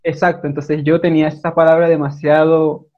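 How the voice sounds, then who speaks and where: Animated Maracucho man, muffled sound. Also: a little high, brisk. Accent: Maracaibo Venezuelan. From Maracaibo, Venezuela. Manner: animated storyteller, laughs often. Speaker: interview guest. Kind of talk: casual video-call chat.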